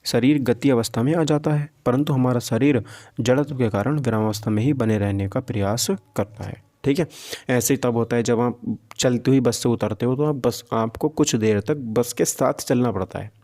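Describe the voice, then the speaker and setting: At a moderate pace and medium pitch, a mellow-voiced man works through physics exam questions, reading them out and explaining them like an informal lecture. He often says things twice and checks in with listeners. The recording is dry with clean studio sound.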